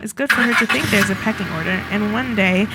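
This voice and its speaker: A woman playing through a narrative game, reading the text aloud and reacting in a chatty, excitable way. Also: mid-range voice, quick pace, very noisy. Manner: chatty, excitable, laughs a lot. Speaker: game streamer. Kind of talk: let's play commentary and reading aloud.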